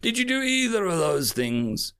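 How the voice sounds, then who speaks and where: A man's voice: high voice, normal speed, gravelly, clear, resonant tone, voice pushed up, full character voice. A man voicing a cool, commanding female captain. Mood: stern. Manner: cool, almost robotic calm. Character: calm, commanding small female starship captain.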